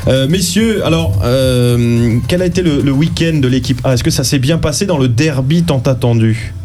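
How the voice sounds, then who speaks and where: A man's voice: medium pitch, moderate pace, a little mellow, soft background music. A man hosting a casual radio sports talk, interviewing guests. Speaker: radio host.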